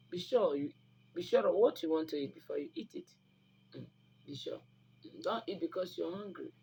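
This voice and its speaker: An online video host with a low, dark voice and a breathy edge gives herbal remedy advice to viewers. She speaks with a Nigerian Igbo accent as a native Igbo speaker, informally and instructively, emphatic and preachy, repeating phrases to drive points home. The rough recording has noticeable background noise.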